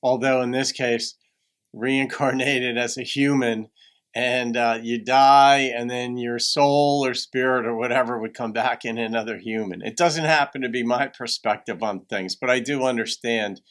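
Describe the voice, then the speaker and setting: A man's voice: medium pitch, steady tone, normal speed, fairly bright tone. A man hosting a reaction video with conversational commentary in a thoughtful, musing manner.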